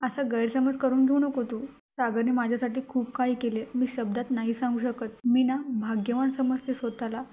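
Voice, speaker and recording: A woman reading the lines of a gentle, devoted young wife in a soft, earnest way. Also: fairly high pitch, flat delivery, normal speed, natural voice. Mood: tender.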